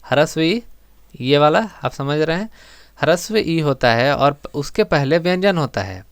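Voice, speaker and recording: A man teaching an exam-prep grammar lesson, explaining step by step and repeating words slowly for emphasis. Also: fairly high pitch, lively intonation, no echo.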